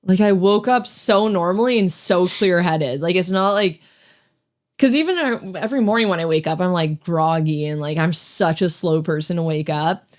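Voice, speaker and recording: A woman's voice: fairly low pitch, moderate pace. A woman guest in a podcast interview, talking casually and filling with "like" a lot. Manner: chatty, many "like" fillers. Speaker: interview guest, video creator.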